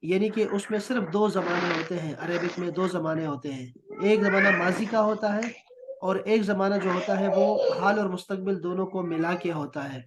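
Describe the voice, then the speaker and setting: A man's voice: high-pitched, moderate pace, very noisy. A man teaching Quranic Arabic words in a recorded lesson, patiently drilling and repeating them. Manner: patient, repetitive drilling with gestures.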